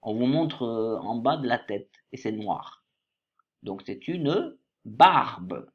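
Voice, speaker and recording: A man teaching a workbook lesson to young pupils, slowly spelling words letter by letter and stressing each syllable. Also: medium pitch, animated, slightly rough, muffled recording.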